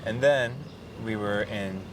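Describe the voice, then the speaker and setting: A man's voice: lowish voice, slow. A man born in Taiwan chatting casually as a guest, laid-back and slangy, swearing now and then. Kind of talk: casual chat. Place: outdoors on a city street. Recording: outdoor street with traffic noise.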